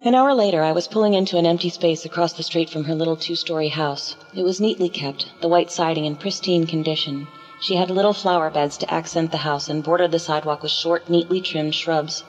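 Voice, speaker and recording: A woman giving steady first-person narration of a dark radio-play story, with a menacing edge. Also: sits low, brisk. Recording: slightly muffled, with faint music underneath.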